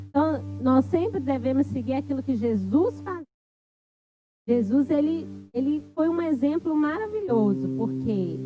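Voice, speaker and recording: A woman giving an informal church sermon, halting with many fillers and restarts. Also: fairly high pitch, highs cut off. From Brazil. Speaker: church speaker.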